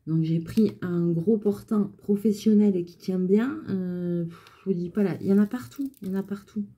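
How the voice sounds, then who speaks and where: A woman who owns a small clothing alterations shop chats to the camera in a loose, rambling way. She vents about her customers with tired exasperation. Her voice is deep, warm and very dark, with a husky grain. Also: moderate pace. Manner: venting, exasperated storytelling. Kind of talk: casual chatty vlog.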